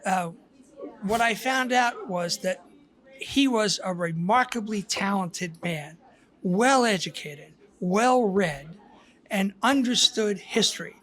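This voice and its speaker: A man's voice: high-pitched, fairly bright tone. An older man, a guest author, telling reflective stories in a casual podcast conversation, with frequent restarts.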